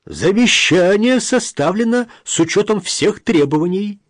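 A man performs a stern, pompous older notary reading a will for an audiobook. The reading is slow and solemn, pitched a little high and spoken loudly. The sound is dry and close. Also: dry recording, heavily acted.

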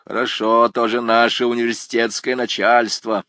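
A man voicing a rowdy young male student who shouts mocking taunts. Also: mid-range voice, level tone, normal speed, dry recording, close to an everyday voice. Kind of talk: audiobook character voice.

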